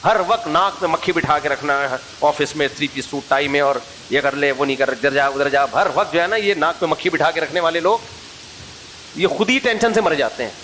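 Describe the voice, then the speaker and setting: A man's voice: a little high, pushed and bright, slight background noise, low-quality recording. A middle-aged man from Pakistan giving an informal religious talk, full of jokes and anecdotes, putting questions straight to his listeners. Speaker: Islamic preacher.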